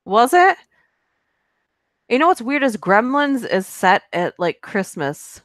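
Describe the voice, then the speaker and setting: A woman who hosts a horror narration channel chats casually with viewers on a live stream, reading their comments and rambling with plenty of fillers and giggles. Her voice is a little high and sing-song, and she speaks slowly. The studio-quality audio has no room sound.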